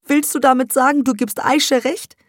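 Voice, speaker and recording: A woman reading an audiobook, voicing a distraught middle-aged mother who pleads in a high, strained voice. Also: steady tone, normal speed, no room sound, clean studio sound. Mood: upset, pleading.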